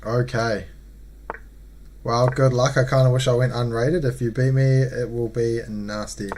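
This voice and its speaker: A man's voice: medium pitch, little pitch movement, a little slow, darkish tone, slight background noise. A man chatting casually and matily on a livestream, thinking aloud as he plays. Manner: friendly, matey, thinking aloud. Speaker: live streamer playing chess.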